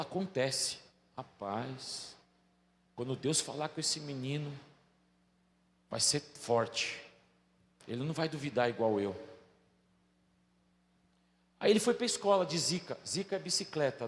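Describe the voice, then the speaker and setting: Storytelling pastor in an echoey hall. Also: male voice, a little high, animated, normal speed, pauses often. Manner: storytelling, swinging from soft asides to loud bursts. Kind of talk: sermon. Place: large church hall. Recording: echoey hall with faint ambience.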